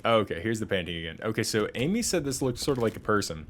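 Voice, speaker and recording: A man's voice: on the low side, very animated, fast, slight background noise. Joking man rambling through a game. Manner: joking, rambling asides to viewers. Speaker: gaming streamer. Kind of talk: casual let's-play commentary.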